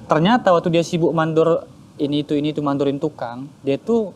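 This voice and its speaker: A man, a guest telling a personal story in an animated way, often repeating words. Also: fairly high pitch, fairly quick, crowd noise. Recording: steady background noise.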